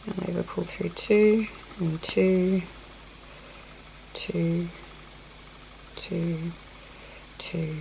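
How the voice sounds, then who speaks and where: This crochet tutorial features a woman with a sniffly cold whose fairly low, gravelly, slightly mellow voice stays steady and extremely slow, with long pauses. As close-ups show her hands, she counts stitches softly and adds apologetic asides, over a little hiss or hum in a low-quality recording.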